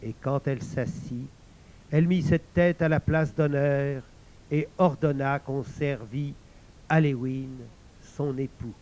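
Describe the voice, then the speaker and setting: A man narrating a fairy tale in a slow, measured way. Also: mid-range voice, fairly even intonation, darkish tone. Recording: slightly muffled recording.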